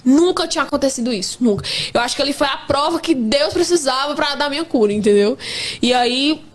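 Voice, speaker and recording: A woman's voice: high voice, fairly quick. A woman in her twenties, pregnant, telling her faith testimony in an earnest, emphatic casual way. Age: 20s. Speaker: guest sharing a testimony.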